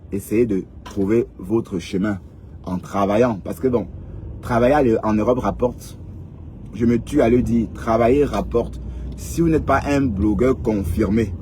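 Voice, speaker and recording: Man, 50s, vlogger lecturing the camera; low, warm voice, faint car noise behind. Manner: lecturing, repetitive, frequent "hein?". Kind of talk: casual advice monologue.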